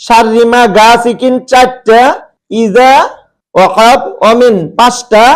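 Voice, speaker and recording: A man demonstrates printed pages to readers, pointing out errors and reading recited lines slowly. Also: very high voice, rough recording. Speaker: publisher's presenter. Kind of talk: product demonstration.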